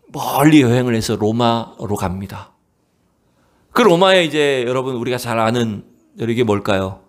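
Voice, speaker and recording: Man, pastor, church sermon, dramatic storyteller, rhetorical questions, sudden hushed whispers. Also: mid-range voice. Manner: dramatic storytelling, swinging from raised exclamations to hushed near-whispers; asks the congregation rhetorical questions. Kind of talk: Wednesday evening sermon. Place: church sanctuary.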